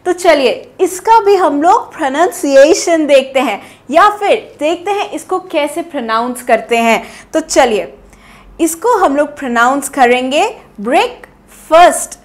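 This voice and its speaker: A woman's voice: sits high, expressive, a little slow, few pauses. A young woman from India with an Indian English accent, teaching an English pronunciation lesson in a playful, chatty way full of rhetorical questions. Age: young adult. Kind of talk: online English lesson in Hindi and English.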